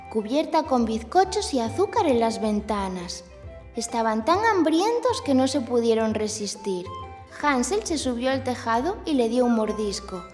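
A woman's voice: a little high, darkish tone, in a large hall. A woman speaking like a kids show host, narrating a scripted children's story to young listeners. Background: music.

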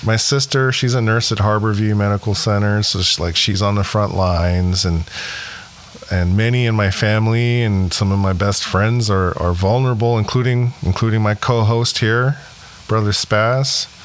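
A man with a lowish voice hosts a casual podcast. He talks earnestly and reflectively, now and then slipping into jokes. There is a faint room ambience behind him. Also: fairly even intonation, normal speed, slight background noise. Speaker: podcast host.

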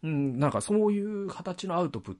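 A man's voice: high voice, big pitch swings, brisk, darkish tone. A man hosting a solo podcast, talking reflectively into a microphone with frequent hesitations and self-corrections. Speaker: podcast host. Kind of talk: solo podcast monologue about a book. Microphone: speaking into a microphone.

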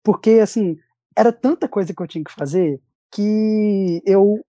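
His voice is high, warm and unhurried, and there's no room sound at all. He's a young man with a Brazilian accent, a recent graduate guest sitting at his desk at home, telling a story with lots of energy during a casual video-call chat in which he keeps restarting.

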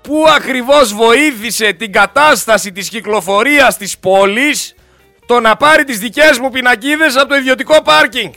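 A man with a strikingly high, gravelly voice holds forth as a host in a heated, indignant rant. His delivery is mocking and scornful, and music plays steadily behind him. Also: bright, forceful tone, no room sound. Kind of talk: indignant ranting monologue.

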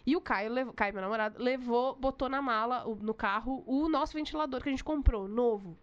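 Young woman host, high voice, animated storyteller, slightly muffled lo-fi sound. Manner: animated storyteller, quick asides. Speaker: podcast co-host. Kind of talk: casual chat.

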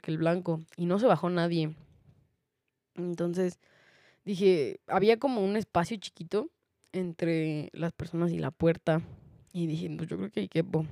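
A woman's voice: lowish voice, darkish tone, no room sound, clean studio sound. A young woman with a Mexican accent telling a personal story in a chatty way, often laughing and using many fillers. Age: young adult. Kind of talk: casual storytelling monologue.

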